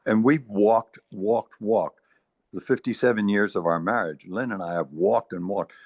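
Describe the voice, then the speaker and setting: An eighty-five-year-old man in casual group chat, speaking haltingly with repeated words while earnestly giving advice. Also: lowish voice, dry recording. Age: 80s. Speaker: meeting participant. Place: retirement community.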